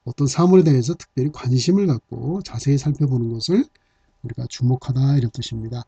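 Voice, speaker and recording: Speaking a little fast in a medium-pitched voice that is creaky, mellow and husky, this middle-aged man patiently explains Chinese-character vocabulary in a hanja lesson, using many "ah" and "uh" fillers. The recording is dry, dull and slightly lo-fi, with no echo.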